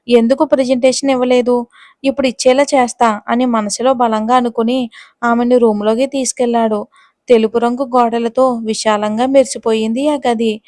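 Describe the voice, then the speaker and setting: A woman storyteller giving a steady, scripted narration of a romance audio story. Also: on the high side, dry recording, clean studio sound.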